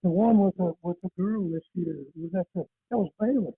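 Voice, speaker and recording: A man's voice: sits high, a little fast, gravelly, slightly rough, no room sound. An older coach calling in to a radio show, rambling in a folksy way, his voice fading because the phone is held away from his mouth. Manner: rambling, folksy, with many restarts. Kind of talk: radio call-in chat. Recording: tinny dry phone line.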